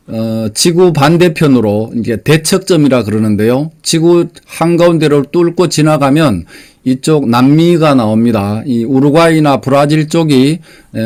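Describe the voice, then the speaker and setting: A man hosts a quiz, reading out each question and then explaining the answer step by step. His voice is plain and unpolished, and he fills his pauses with short sounds. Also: on the high side, darkish tone. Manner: plain, unpolished delivery with many fillers. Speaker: quiz host.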